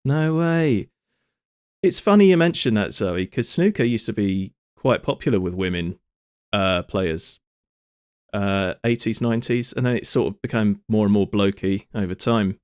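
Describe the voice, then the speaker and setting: A man's voice: on the low side, moderate pace, darkish tone, clear, resonant tone, no echo, clean studio sound. A man streaming live, rambling through joking asides as he watches a clip. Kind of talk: casual live-stream commentary.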